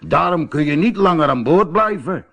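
A man voicing a firm, kindly ship's captain in a storybook reading, speaking loudly. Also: on the high side, expressive, moderate pace, pitched above the performer's own voice. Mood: regretful. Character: gruff kindly ship's captain, male, middle-aged.

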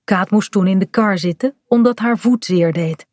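A woman calmly reading a children's story aloud. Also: medium pitch, normal speed, dry recording, clean studio sound. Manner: calm, clear storybook narration.

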